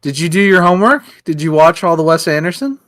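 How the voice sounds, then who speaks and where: A man's voice: a little high, lively intonation, fast talker, a bit bright. A man co-hosting a podcast in casual chat, teasing and goofy, sometimes slipping into silly voices. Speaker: podcast co-host.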